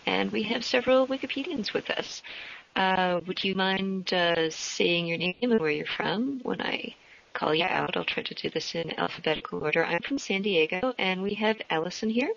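Female host, mid-pitched with vocal fry, friendly and halting, lo-fi call audio. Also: a bit bright. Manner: friendly, halting, many ums. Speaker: podcast host. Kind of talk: hosting a casual podcast call. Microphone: computer mic on a voice call. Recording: muffled lo-fi internet call audio.

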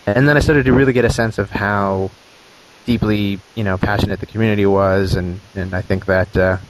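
A man who is a journalist guest answers interview questions, thinking aloud in a halting way with many restarts. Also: on the low side, fairly even intonation, slight background noise, rough recording.

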